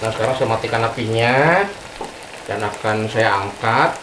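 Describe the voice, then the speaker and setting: A man hosts a home cooking tutorial from his kitchen in a lower voice at a moderate pace, the sound reverberant and noisy, with sizzling and frying audible. Speaking with an Indonesian accent sprinkled with Sundanese terms, he's warm and chatty and tacks "ya" onto his phrases.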